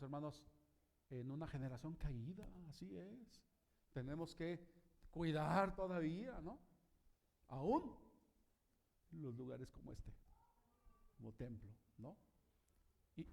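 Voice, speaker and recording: Pastor, male, slightly high voice, animated sermon full of questions to the congregation. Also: a little slow, vocal fry, long pauses. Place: church.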